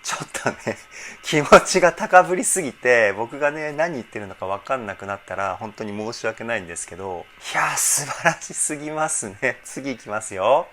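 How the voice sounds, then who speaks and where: A man's voice: medium pitch, normal speed, hardly any pauses, a bit bright, slight background noise. A man working as a vocal trainer, giving effusive reaction commentary on a song. He breaks into exclamations between short analytic remarks. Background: faint song playing.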